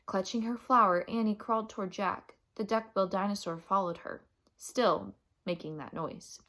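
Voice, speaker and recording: Reading from a children's chapter book, this woman brings a medium-pitched voice to a lively, theatrical delivery, stressing words with clear intent.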